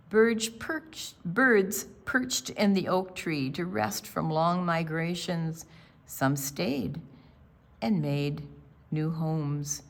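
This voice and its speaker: A lowish female voice reads a picture book aloud for a group of young kids. She paces it carefully and expressively, pausing for casual asides about what's pictured.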